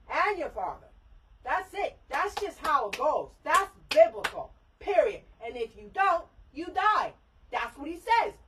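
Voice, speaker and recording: A woman's voice: high-pitched, a bit bright, far from the mic, rough recording. A middle-aged mother scolding her daughter in a heated family argument, lecturing and repeating herself.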